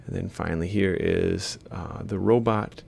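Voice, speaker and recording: Thinking aloud while writing on screen, this male university lecturer explains a topic step by step and recites values in pieces. He speaks low and creaky at a measured pace, with fairly even intonation and a darkish timbre, over slight background noise.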